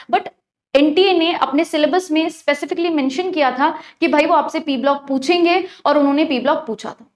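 A young woman, a chemistry teacher, giving an exam-prep lecture, explaining step by step and mixing English terms into her speech. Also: high-pitched.

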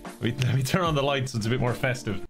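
A man doing deadpan, self-mocking comedic commentary over video games. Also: mid-range voice, very fast, over loud music. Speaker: gaming YouTuber.

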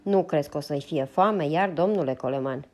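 A woman's voice: sits low, darkish tone, natural voice. A woman reading a blunt motherly old woman. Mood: indignant. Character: blunt motherly older woman in a wagon camp.

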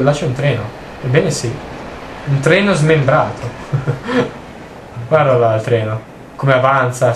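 A young man giving jokey, excitable let's play commentary while he plays, swearing often. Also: mid-range voice. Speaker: gaming video host. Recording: roomy with faint noise.

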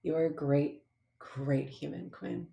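Man, very gravelly mellow voice, tender and measured, roomy echo. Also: a little high, fairly even intonation, dull audio. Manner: measured, tender, formal address. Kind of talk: heartfelt birthday video message. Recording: echoey room.

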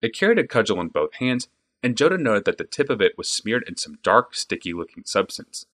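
A man narrating a fantasy audiobook with an expressive, varied delivery. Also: fairly low pitch, brisk.

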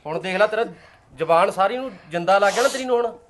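A man's voice: high-pitched, expressive, quick pace, a bit bright, slight background noise. A man playing a husband in a short-film drama, speaking earnestly and reproachfully.

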